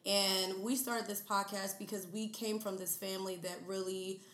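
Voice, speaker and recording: A woman in her mid-twenties, a podcast guest talking in a chatty, animated way with many fillers. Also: medium pitch, moderate pace. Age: 20s. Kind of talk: casual interview chat. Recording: roomy echo.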